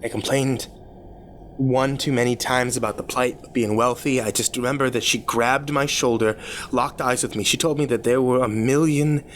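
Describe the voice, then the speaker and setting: A man acts out a rich, troubled young man baring his guilt in a horror story monologue. His medium-pitched voice stumbles and repeats itself as he confesses. There is clear noise behind him. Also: steady tone, a bit bright, lightly acted. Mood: subdued, confiding. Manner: halting, confessional, stammering over repeated words. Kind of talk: dramatic first-person horror story monologue.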